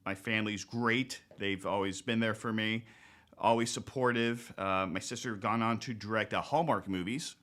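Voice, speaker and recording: A man in his thirties, an attorney being interviewed, talking in a relaxed, halting way with lots of fillers and restarts. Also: lowish voice. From born in Greece, grew up in the United States. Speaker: guest, attorney. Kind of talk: casual interview.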